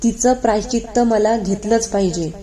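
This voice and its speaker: A woman's voice: mid-range voice, moderate pace, warm tone, natural voice. A woman reading aloud, voicing an aged devoted male steward who pleads tearfully and blames himself. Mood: anguished. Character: aged devoted male steward, grief-stricken and self-punishing.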